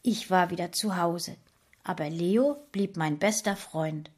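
A woman narrating a children's story in the first person of a dog, in a gentle storytelling manner. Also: on the low side, unhurried. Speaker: audiobook narrator.

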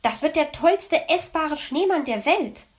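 A woman voicing an excitable little boy hedgehog in a storybook, bubbly and eager. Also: unhurried. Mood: gleeful. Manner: bubbly, eager, high-spirited.

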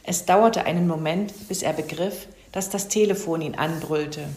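A woman reading a children's story aloud in a calm, even manner. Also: sits low, moderate pace. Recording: roomy echo.

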